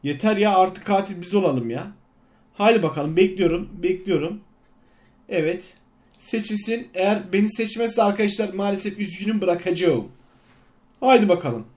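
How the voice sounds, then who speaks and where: A man giving casual commentary on his own gameplay, swinging between loud outbursts and sly muttering. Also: high voice, normal speed. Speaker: gaming YouTuber. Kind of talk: casual Let's Play commentary.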